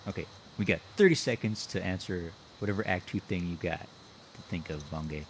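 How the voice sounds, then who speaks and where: A man's voice: sits low, moderate pace, slight background noise. A man hosting a casual group chat, teasing his friends playfully. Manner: teasing, playful, counts down jokingly. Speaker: podcast host.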